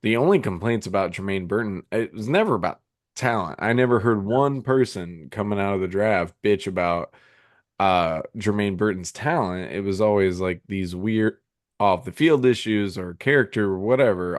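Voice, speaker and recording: A man's voice: lowish voice, normal speed, dry recording, clean studio sound. A man co-hosting a casual fantasy football podcast over a remote call, rambling with lots of fillers and restarts while he keeps hiccuping. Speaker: podcast co-host.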